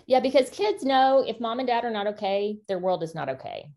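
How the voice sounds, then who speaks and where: A woman co-hosting a casual faith-based parenting podcast, talking in an earnest, encouraging way with quick asides. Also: a little high, animated, dark tone. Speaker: podcast co-host.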